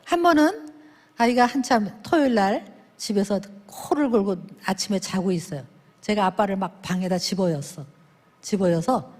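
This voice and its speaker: A woman speaking at a church service, telling lively stories and acting out the people in them with big swings in her voice. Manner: animated, acts out dialogue with big pitch swings. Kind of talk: lively sermon storytelling with acted quotes. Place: church sanctuary. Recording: long reverb of a church hall.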